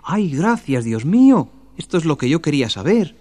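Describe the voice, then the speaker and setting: A woman's voice: low voice, sing-song, moderate pace, mellow, pitched above the performer's own voice. A man voicing a panicky mother in a folktale, wailing and fretful. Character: frantic mother, panicky and shrill.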